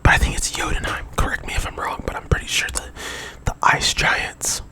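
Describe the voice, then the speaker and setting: Whispering young adult ASMR rambler. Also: a little fast. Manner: whispering throughout; casual, rambling with digressions. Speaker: ASMR video creator.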